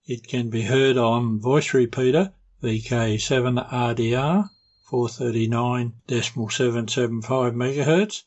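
An Australian man reads station announcements from a script. His voice is a little husky and of medium pitch.

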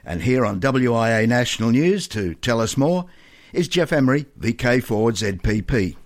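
An Australian man presenting a weekly club news bulletin. He reads in a middle-pitched, even voice and drops in a dry, wry aside now and then. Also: normal speed. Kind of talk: scripted news reading with light asides.

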